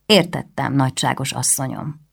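A woman voicing a dutiful old servant woman who speaks deferentially and in a hushed tone. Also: extremely low pitch, creaky, husky, exaggerated voice.

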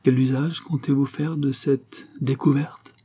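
A man's voice: mid-range voice, flat delivery, unhurried, mellow, slightly rough, voice pushed up. A man voicing a haughty, cutting aristocratic lady. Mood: anxious. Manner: cold, mocking, imperious.

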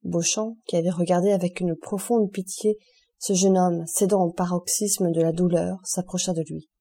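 A woman narrating a classic novel as an audiobook in a steady, measured reading. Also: on the low side, slightly rough. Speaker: audiobook reader.

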